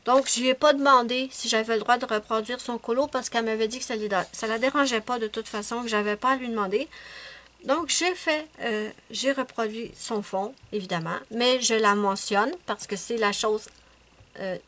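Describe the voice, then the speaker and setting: Québécoise woman in a casual home vlog, high-ish voice, rambling and hesitant delivery. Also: moderate pace, fairly bright tone. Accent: Québécois French. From Quebec, Canada. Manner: rambling, chatty, many hesitations and self-corrections. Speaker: adult coloring YouTuber. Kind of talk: casual chat showing finished coloring pages.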